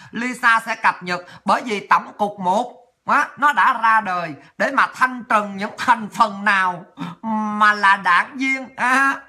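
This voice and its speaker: A woman's voice: medium pitch, bright, forceful tone. A woman hosting a political commentary show, crude, combative and mocking.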